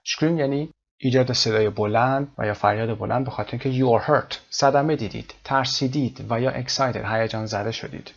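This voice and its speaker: A man teaching English vocabulary, reading English phrases slowly and then explaining them quickly in Persian. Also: medium pitch, vocal fry, breathy edge. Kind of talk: language lesson explaining vocabulary. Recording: dull lo-fi recording.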